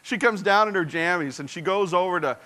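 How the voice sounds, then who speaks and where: A man in his forties telling a personal story as a sermon, earnest, speaking straight to the audience and dropping to a soft hush at tender moments. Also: sits high, fairly quick. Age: 40s. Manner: engages the audience directly. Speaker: speaker addressing a congregation.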